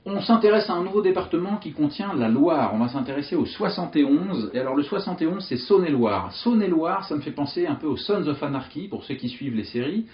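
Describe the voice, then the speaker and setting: A man teaching memory techniques in an animated, jokey way, telling vivid picture stories. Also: fairly high pitch, brisk, few pauses, roomy sound, muffled recording. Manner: lively, animated, jokey storytelling with vivid images. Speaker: memory coach. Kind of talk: explanatory teaching monologue.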